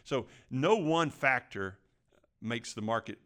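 A man's voice: medium pitch, expressive, takes it slowly, fairly bright tone. A man hosting a financial advice podcast in a conversational, folksy, plain-spoken way. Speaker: podcast host; financial advisor.

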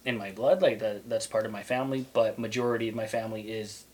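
A man's voice: lowish voice, fairly even intonation, fast talker, a little mellow. A man from Quebec chatting casually about history on a podcast, rambling along with plenty of fillers and restarts. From Quebec, Canada. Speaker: podcast guest.

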